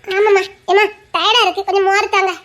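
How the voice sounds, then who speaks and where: A woman playing a young separated wife and student, speaking with a Tirunelveli Tamil accent in a musing, soft-spoken way. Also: extremely high pitch, little pitch movement, fast talker. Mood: defiant.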